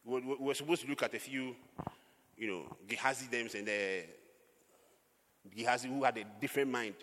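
A man preaching a sermon as pastor, animated, with sudden loud outbursts. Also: medium pitch, fairly quick, long reverb tail, slight background noise.

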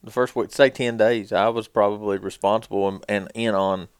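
A man's voice: on the low side, fairly even intonation, normal speed, clean tone, dry recording, studio quality. A man telling casual hunting stories in folksy, colloquial speech as a podcast co-host.

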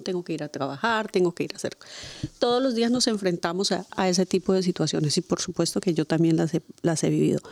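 Una mujer invitada que habla de su fe con sinceridad, con viveza y repitiendo para enfatizar. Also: female voice, lowish voice, no room sound. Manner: earnest, lively, repeats for emphasis. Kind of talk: casual religious chat.

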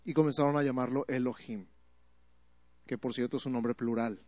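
A man's voice: mid-range voice, fairly even intonation, moderate pace, a little mellow, no echo, muffled recording. A man preaching a sermon in a teaching manner, asking the listeners questions and building up emphatic repeated phrases. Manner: rises to emphatic repetition.

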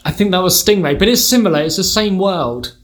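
A man chatting casually and telling playful stories with plenty of energy. His voice sits notably high for a man. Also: fairly quick. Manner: animated, playful storytelling. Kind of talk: casual chat.

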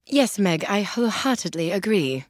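A woman's voice: medium pitch, sing-song, moderate pace, no room sound, studio quality, lightly acted. A woman playing a poised, formal young princess. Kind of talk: audio drama acting.

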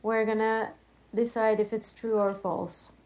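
A woman co-hosting a tango talk show over a video call, chatty and quick to laugh. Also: on the high side, flat delivery, darkish tone, a little hiss or hum. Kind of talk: casual chat on a video call.

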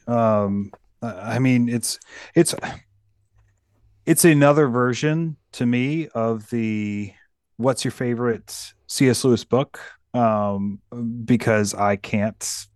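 A man appearing as a podcast guest, answering in an unhurried, thoughtful way. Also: on the low side, a little mellow, no room sound, studio quality. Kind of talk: conversational interview.

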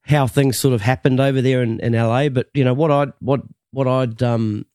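A man's voice: mid-range voice, fairly even intonation, moderate pace, darkish tone, clear, resonant tone, no room sound, studio quality. A man hosting a podcast interview, talking in a friendly, stumbling way with frequent restarts. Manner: friendly, stumbling, self-correcting. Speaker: podcast host. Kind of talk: casual interview.

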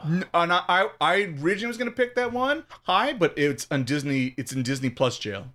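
A man's voice: a little high, expressive, a little fast, sharp tone. A man co-hosting a casual podcast chat, rambling and laughing often. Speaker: podcast co-host.

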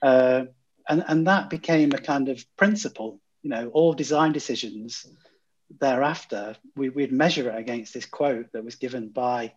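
A man's voice: medium pitch, moderate pace, breathy edge. A man guest, a design consultant, telling a project story in a conversational way, with many "uh" fillers and restarts. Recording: dull lo-fi audio.

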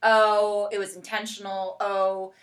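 A podcast host chats casually with her guest, her speech very informal and packed with "like." She has a mid-range voice with little pitch movement and talks a little slowly.

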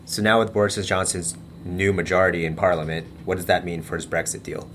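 A man's voice: sits low, little pitch movement, brisk, fairly bright tone, slight background noise. A man hosting a podcast, reading scripted lines and interviewing people with some hesitant fillers. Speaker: podcast host.

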